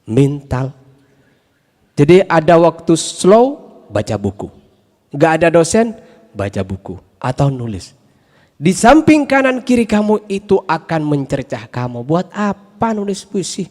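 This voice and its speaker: A man with a fairly high-pitched voice speaks to students at a literature discussion. He hammers his points home with short, repeated phrases and rhetorical questions. His voice rings with the long reverb of a large hall. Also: big pitch swings, unhurried, pauses often, darkish tone. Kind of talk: lecture-style talk to students. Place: campus hall.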